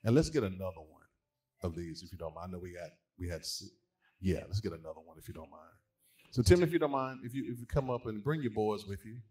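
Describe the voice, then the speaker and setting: Hosting a church brunch, this pastor invites families forward to share gifts of love, his manner warm and encouraging as he calls people up. His voice is on the low side, with lively intonation and a fast pace.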